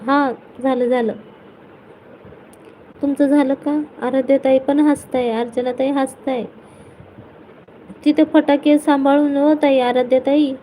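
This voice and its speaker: Woman, high voice, flat delivery, casual live-stream host, playful greetings, faint background hum. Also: unhurried, pauses often, low-quality recording. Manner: greets viewers by name, playful teasing.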